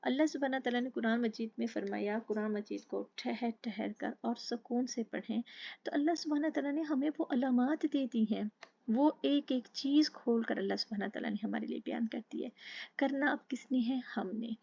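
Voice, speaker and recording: A woman teaching tajweed, patiently explaining each letter and then slowly chanting the verse. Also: fairly high pitch, vocal fry, mellow, husky, dry recording, muffled recording. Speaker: Quran recitation teacher. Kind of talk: slow tajweed lesson with recited examples.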